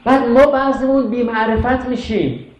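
A man's voice: extremely high pitch, darkish tone. A man preaching a sermon with passion, firing rhetorical questions at his listeners. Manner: impassioned, rhetorical questions to the audience. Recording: echoey muffled hall recording with faint noise.

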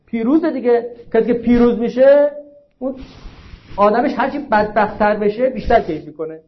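A man preaches a religious sermon in a high voice, asking the audience one rhetorical question after another. He slows down to stress the lines he quotes. The recording sounds dull and lo-fi. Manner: slows down to recite and stress quotations.

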